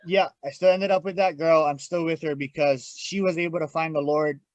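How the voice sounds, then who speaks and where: A man's voice: fairly high pitch, steady tone, brisk. A plain-spoken man giving a candid personal testimony as a podcast guest in casual conversation. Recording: dull, echoey room sound.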